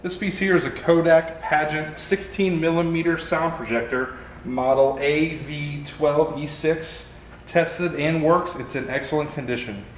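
A man's voice: fairly high pitch, fairly even intonation, measured pace, a little hiss or hum. Upbeat man presenting auction items. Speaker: auction host. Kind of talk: auction preview walkthrough. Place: large warehouse showroom. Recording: echoey warehouse room, faint ambience.

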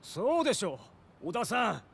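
A man playing a defiant, desperate back-alley resident in a video game drama, with rough, agitated street speech. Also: high-pitched, sing-song, normal speed, a little hiss or hum, exaggerated voice. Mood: guarded. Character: defiant, desperate male downtown slum resident.

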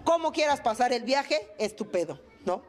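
A woman's voice: high-pitched, lively intonation, normal speed. A woman with a Mexican Spanish accent giving a testimony talk to a recovery group, crude and joking and full of slang. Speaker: speaker sharing at a recovery meeting.

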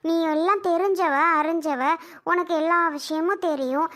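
A caring but stern aunt from a family drama skit, played by a woman in a very high, thin voice. She scolds and comforts in the same breath, with blunt, homely talk. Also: normal speed, fairly bright tone. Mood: scolding. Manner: scolding, comforting, in colloquial speech.

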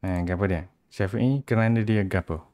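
A man's voice: on the low side, moderate pace, darkish tone, dry recording. A man with a Kelantanese Malay accent, teaching grammar in an informal, interactive tutoring style. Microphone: headset.

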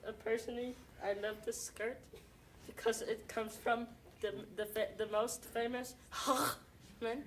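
A woman's voice: a little high, steady tone, measured pace, distant mic, a little hiss or hum, poor audio. A woman talking hesitantly and stumbling over her words in an improvised comedy skit.

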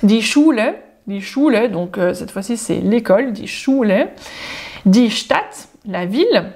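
A woman giving a casual, spontaneous spoken lesson, chatting informally with the viewer and slowing down to say German example phrases. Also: medium pitch, lively intonation, a little mellow. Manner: addresses the viewer informally, jokes. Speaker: German teacher.

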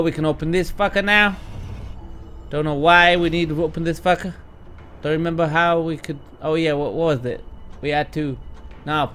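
This gameplay streamer has a bright, fairly high-pitched voice and a fake Texas drawl. Swearing liberally and addressing his audience, he flares up in frustration now and then during his laid-back let's-play commentary, with game music in the background.

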